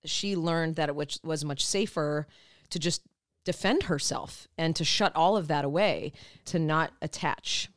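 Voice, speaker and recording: A woman's voice: sits low, unhurried, no room sound, clean studio sound. A woman co-hosting a podcast, talking things through in a thoughtful, explanatory way. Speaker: podcast co-host. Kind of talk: casual podcast discussion.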